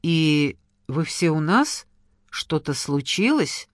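A light, ironic husband in an audiobook, voiced by the narrator, teasing and good-natured. Close, dry sound. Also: male voice, on the high side, sing-song, takes it slowly, dry recording. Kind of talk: audiobook character reading.

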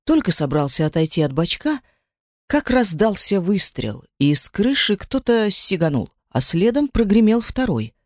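A reader giving first-person audiobook narration with a dramatic, expressive storytelling manner. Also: medium pitch, moderate pace, dry recording, studio quality.

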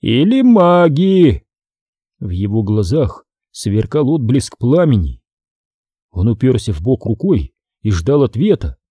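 Male audiobook narrator, very dark voice, husky, lively, dry close sound. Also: lowish voice, unhurried, no room sound.

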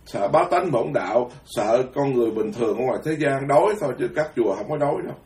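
A man's voice: mid-range voice, lively intonation, quick pace, darkish tone, distant mic. A male Buddhist monk gives a blunt, frank, scolding dharma talk and chants sutra verses.

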